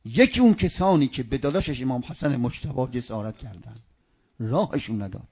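A man preaching a religious sermon with storytelling. He swings from loud outbursts to hushed near-whispers and chants some phrases in a sing-song cadence. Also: mid-range voice, lively intonation. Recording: dull lo-fi recording.

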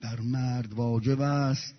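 A man preaching a sermon, moving between quiet recitation of prayers and loud, fervent exhortation. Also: fairly even intonation. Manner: swings from hushed recitation to loud, high-pitched exhortation. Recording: dull echoey hall recording.

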